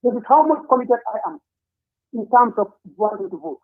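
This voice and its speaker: Over a thin, tinny phone line comes a very high male voice from Gambia, lively in intonation. He argues his points in a political discussion earnestly and deliberately, stopping often to hesitate.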